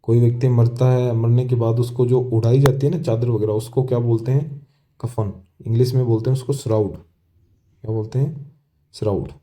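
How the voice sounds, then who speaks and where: A male teacher works through an English story line by line, reading each line slowly and deliberately. He asks questions, answers them himself, and repeats key words, in a medium-pitched, steady, mellow voice.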